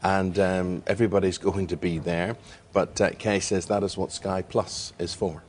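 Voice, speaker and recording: Low-voiced male breakfast news presenter. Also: flat delivery, a little hiss or hum. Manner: brisk, bantering, mock-exasperated.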